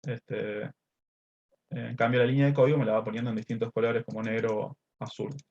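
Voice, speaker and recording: A man's voice: mid-range voice, little pitch movement, brisk, a little mellow. A man teaching a screen-recorded coding lesson step by step, often asking "¿sí?" and filling gaps with "este". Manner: explains step by step, checks in with "¿sí?" and "este". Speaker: math teacher. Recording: slightly dull lo-fi audio.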